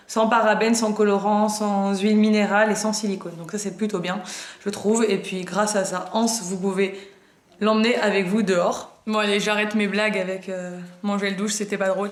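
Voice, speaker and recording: Chatty woman in her twenties, echoey room. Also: medium pitch. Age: 20s. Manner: chatty, hesitant with many fillers, self-mocking jokes. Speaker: beauty vlogger. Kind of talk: casual unboxing chat.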